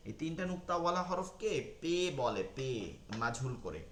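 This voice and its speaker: A man teaching an online Quran reading lesson, repeating key terms slowly and checking that his learners follow. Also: a little high, sing-song, fairly bright tone, echoey room, slight background noise.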